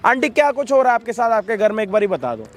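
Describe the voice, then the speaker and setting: A man's voice: high-pitched, very animated, quick pace. A man hosting a social video, preachy and scolding. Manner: preachy, scolding, addresses viewers as brothers. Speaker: prank and social video host. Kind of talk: emotional street-video presenting.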